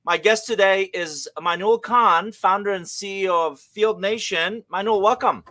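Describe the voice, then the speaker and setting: A middle-aged man with a bright, forceful voice hosts a live podcast interview, introducing his guest and asking questions with energy. His voice sits a little high for a man and is recorded close and dry, with no room sound. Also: unhurried, dry recording. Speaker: podcast host.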